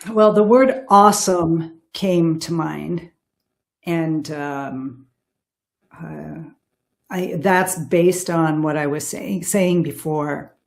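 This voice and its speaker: A woman's voice: deep voice, drawn-out words, gravelly. A woman in her sixties, a podcast guest, talking earnestly and emphatically in a casual interview. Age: 60s. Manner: earnest and emphatic, repeating key words.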